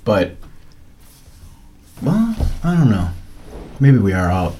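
A man's voice: on the low side, huge pitch swings, takes it slowly, mellow, a little hiss or hum. A man co-hosting a podcast in casual chat, teasing and asking playful questions. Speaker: podcast co-host.

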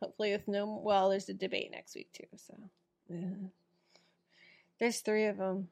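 A woman's voice: medium pitch, level tone, normal speed, creaky, a little mellow. A woman co-hosting a podcast, chatting casually and reading sponsor thanks with lots of fillers. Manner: chatty, reads plugs with many fillers. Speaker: podcast co-host.

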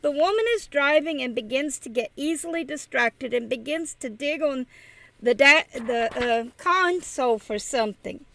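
A woman's voice: high voice, moderate pace, vocal fry, pushed and bright. A woman giving a church message, telling a story and often chuckling as she goes. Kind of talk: storytelling sermon.

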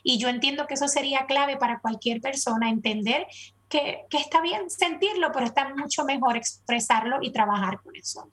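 Earnest woman explaining, higher voice. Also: brisk, a bit bright, breathy edge. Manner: earnest, repeats steps with frequent "¿verdad?". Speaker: guest expert. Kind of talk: explanatory interview talk.

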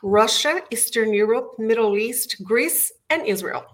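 A middle-aged Brazilian woman with a Brazilian Portuguese accent appears as an interview guest, enthusiastically recounting her career from her home office. Her voice is a little high and animated, and she speaks a little slowly.

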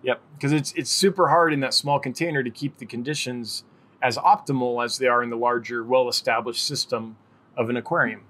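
A man's voice: mid-range voice, fairly even intonation, fairly quick, a bit bright. A middle-aged man hosting a casual live-stream Q&A, chatty and friendly, rambling as he answers viewers' questions. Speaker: livestream host.

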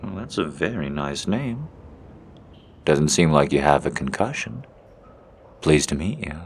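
A friendly stranger, played by a man, talks warmly and reassuringly in a very deep, slightly gravelly voice. He is chatty and cheerful, like a helpful passerby, in an audio roleplay. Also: big pitch swings, unhurried, slight background noise, exaggerated voice.

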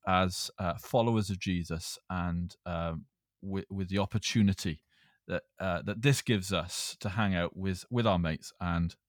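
A man with a Welsh accent hosting a casual podcast chat in a hesitant, halting way. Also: sits low, dry recording, clean studio sound. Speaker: podcast host.

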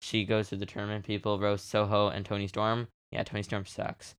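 Smooth-voiced man recapping wrestling. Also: lowish voice, monotone, fairly quick, no room sound. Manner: reads match notes, laughs often. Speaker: podcast co-host. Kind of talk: casual wrestling recap chat.

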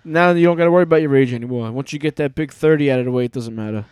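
A man's voice: medium pitch, a little mellow, clean tone, dry recording. Chatty man hosting a podcast, dry close mic. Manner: rambling, halting, with fillers and profanity. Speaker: podcast host. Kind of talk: casual chat.

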